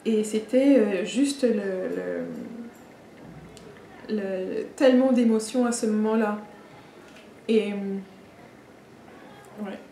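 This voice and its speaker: A young adult woman retelling a personal story in a vlog, halting, with many fillers and restarts. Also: medium pitch, creaky, dark tone. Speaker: vlogger. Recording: echoey room with faint ambient noise.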